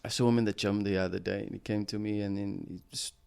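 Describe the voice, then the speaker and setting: A man's voice: on the low side, flat delivery, quick pace, vocal fry, a little mellow, clear, resonant tone. A man hosting a podcast, telling a personal story in a reflective, casual way, with many fillers and restarts. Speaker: podcast host.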